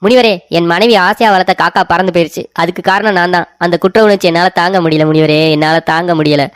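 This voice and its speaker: A man's voice: sits high, fairly even intonation, fast, fairly bright tone, smooth. A man voicing a silly, devoted husband in a cartoon story, whiny and repeating himself. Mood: wailing. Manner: whiny, repetitive.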